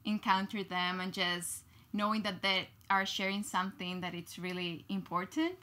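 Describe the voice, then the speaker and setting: A woman's voice: medium pitch, moderate pace, sharp tone. A woman student from Ecuador, a Spanish native speaker, explaining earnestly in English and searching for words. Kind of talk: casual panel chat.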